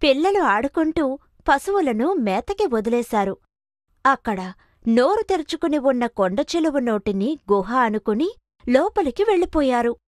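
Expressive woman storyteller. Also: high voice, normal speed, dry recording, clean studio sound. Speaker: narrator. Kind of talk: scripted storytelling narration.

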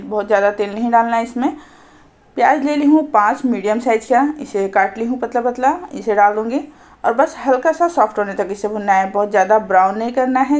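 A cooking channel host walks through a home recipe in a calm, instructive tone, plainly explaining each step as she cooks. Her voice is a bit higher than that of most women.

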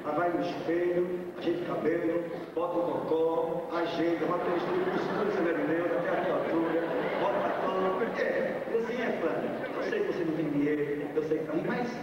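A man's voice: on the high side, fairly even intonation, a little fast, very noisy. A male pastor preaching a sermon, speaking emphatically and putting rhetorical questions to the congregation. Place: large hall. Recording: echoey hall, voice from far off, dull sound.

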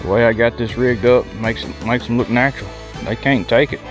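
A man's voice: mid-range voice, fairly even intonation, a little fast, over music. A man chatting casually to viewers while bank fishing at a pond, folksy and talkative. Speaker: fishing vlogger. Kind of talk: casual outdoor commentary.

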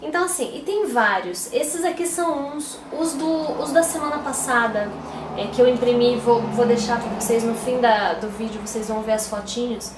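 A woman's voice: on the high side, normal speed, roomy sound, background noise. A Brazilian woman chatting casually to her vlog audience from home, often correcting herself mid-sentence. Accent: Brazilian Portuguese. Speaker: mom vlogger. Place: at home, indoors.

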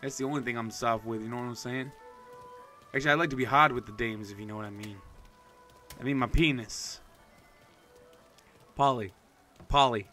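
This is a man from California giving loose let's-play commentary, with lots of profanity and crude jokes. His voice is bright and cutting at an ordinary pitch. Game music plays faintly behind him. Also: quick pace, long pauses. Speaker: gaming video host.

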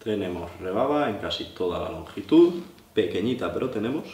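This hands-on sharpening demo comes from a man from Albacete with a La Mancha Spanish accent, whose low, darkish voice is very animated and fairly quick. Working a stone at a table indoors, he explains practically and thinks aloud. Blade-on-stone scraping, a slight hiss or hum, and a roomy, distant sound fill the recording.

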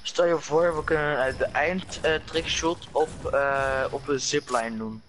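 A man chatting casually while streaming a game, relaxed and hesitant, with plenty of fillers. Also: on the high side, unhurried, a little hiss or hum. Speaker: gaming streamer. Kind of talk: casual gaming chat.

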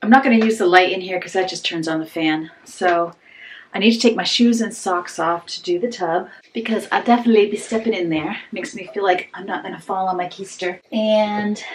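Chatty middle-aged mom vlogging at home. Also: female voice, medium pitch, a little hiss or hum. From Maine, USA. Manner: upbeat, rambling, talks while cleaning. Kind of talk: casual chatty vlog. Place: bedroom, then small bathroom.

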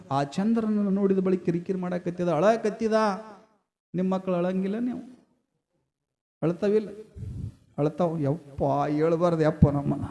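Male village preacher, North Karnataka accent, high voice, homely storytelling that prods the audience. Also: mellow. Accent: North Karnataka Kannada. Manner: folksy, keeps asking the crowd for a response. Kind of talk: storytelling sermon to a village gathering.

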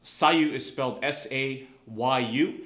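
Man shouting counts in an echoey dojo. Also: medium pitch, slow pace. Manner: counts reps, shouts kiai. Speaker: karate instructor. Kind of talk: instructional class video. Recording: echoey room.

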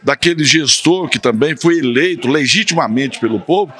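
A man in his fifties with a Brazilian Portuguese accent, a councillor speaking in halting, repetitive phrases in a press interview. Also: a little high, lively intonation, sharp tone. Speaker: tribunal councillor. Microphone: handheld reporter mic.

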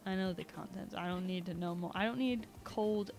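A woman's voice: fairly low pitch, normal speed, darkish tone, slight background noise. Chatty rambling woman streamer. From Canada. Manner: chatty, rambling, laughs often. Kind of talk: casual chat while playing a video game. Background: video game music.

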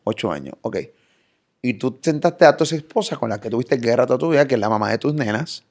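Host, mid-pitched man, quick clarifying questions. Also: animated, a little mellow. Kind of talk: casual interview.

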